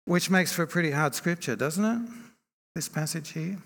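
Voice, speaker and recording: Gravelly-voiced male preacher in a reverberant hall. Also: a little high, a bit bright. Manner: measured, reflective, asks rhetorical questions. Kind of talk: sermon. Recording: long reverb from a large hall.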